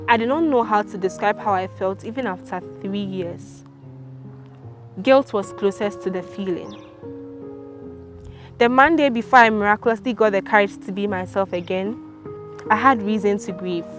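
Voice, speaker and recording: Woman, author reading her novel, measured and sombre, music underneath. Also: mid-range voice. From Ghana. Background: background music.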